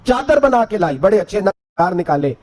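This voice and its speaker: A man delivering an emotional sermon, his voice sitting high for a male speaker. He swings from soft storytelling to fervent peaks. Now and then he slides into melodic sung couplets. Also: big pitch swings. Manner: impassioned, rising and falling delivery that breaks into sung verse. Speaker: preacher.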